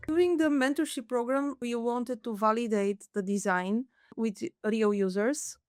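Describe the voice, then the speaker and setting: Woman from Bulgaria with a clear voice. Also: fairly high pitch, measured pace, darkish tone, no echo, faint music behind. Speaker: UX mentor. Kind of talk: webinar talk.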